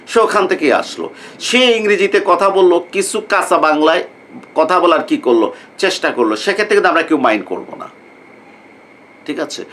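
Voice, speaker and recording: A man's voice: high voice, a bit bright. A male lecturer from Bangladesh giving students an informal talk, often stopping mid-sentence on a questioning filler before finishing the thought. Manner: repetitive, rhetorical, fills pauses with a questioning "what". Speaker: economics lecturer.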